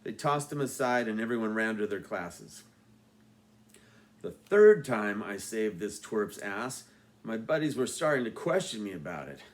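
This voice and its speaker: A man, the author, reading his own book aloud with dry, deadpan asides. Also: fairly low pitch, a little slow. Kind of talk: audiobook narration.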